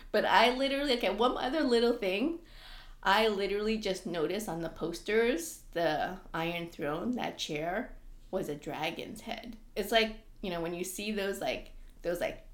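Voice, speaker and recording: A woman co-hosting a podcast in casual chat, talking in an animated way with lots of fillers. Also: medium pitch, moderate pace, reverberant. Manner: chatty, animated, frequent "like" fillers. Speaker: podcast co-host.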